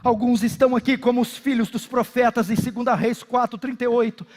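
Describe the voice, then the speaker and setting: A man with a Brazilian accent preaching a sermon as pastor, swinging dramatically between shouts and hushed intensity. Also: very high-pitched, steady tone, brisk, big-room sound.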